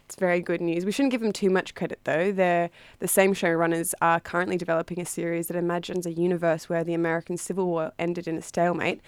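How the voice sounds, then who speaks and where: A woman's voice: lowish voice, level tone, fast, few pauses, clear, resonant tone, dry recording. An Australian woman co-hosting a radio show, chatting casually with a sardonic edge and plenty of ums and likes. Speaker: radio co-host. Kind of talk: casual chat.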